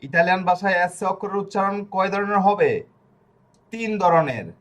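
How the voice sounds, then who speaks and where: A man's voice: sits high, fairly bright tone. Repetitive man teaching a language lesson. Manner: repeats each point slowly, asks and answers his own questions.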